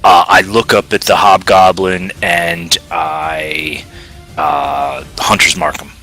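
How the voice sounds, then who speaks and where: Very deep, bright-voiced male player. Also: flat delivery, takes it slowly, faint music behind. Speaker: player in tabletop game. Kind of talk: casual game-table chat.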